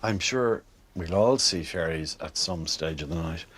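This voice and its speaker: Lilting Irish male storyteller, low-pitched. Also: measured pace, a bit bright, a little hiss or hum. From Ireland. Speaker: traditional Irish storyteller, guest. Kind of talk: conversational storytelling.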